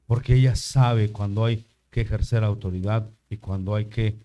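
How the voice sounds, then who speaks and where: A man's voice: on the low side, steady tone, normal speed, mellow. An older man preaching a sermon in church, asking the congregation questions as he goes. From Mexico. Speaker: pastor.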